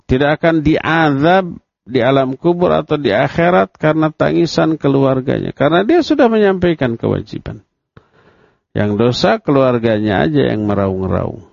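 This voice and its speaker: A man's voice: mid-range voice, expressive, moderate pace, creaky, a little mellow, dry recording. A man preacher giving a religious study lecture. He poses rhetorical questions, answers them himself, and acts out what people would say. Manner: acts out quoted speech of the dead and the family. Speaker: Islamic preacher. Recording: dull, dry lo-fi lecture recording.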